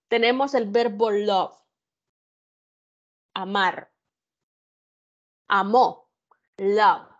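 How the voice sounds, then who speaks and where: Slow, careful woman tutor, lo-fi sound. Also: on the high side. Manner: slow, careful explaining with examples and questions. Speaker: English tutor. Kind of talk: online grammar lesson. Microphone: computer mic on an online class.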